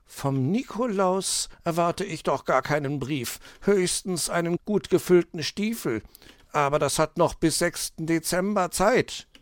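A man voicing a fussy, self-satisfied male fox who loves his gadgets, speaking in a lively, raised voice for a storybook reading. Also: a little high, unhurried, no echo, studio quality, voice pushed up, lightly acted. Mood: puzzled.

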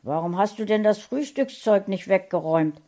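A woman voicing a calm middle-aged husband in a storybook reading. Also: medium pitch, moderate pace, natural voice. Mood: matter-of-fact.

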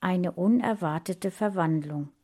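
Slow, low-voiced woman reading a story. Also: mellow. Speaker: audiobook reader.

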